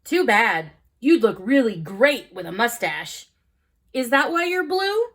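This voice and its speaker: A woman's voice: on the high side, sing-song, slow pace, fairly bright tone, pitched below the performer's own voice, heavily acted. A woman voicing a cheerful, silly narwhal superhero boy, reading a children's storybook aloud with a playful, joking manner.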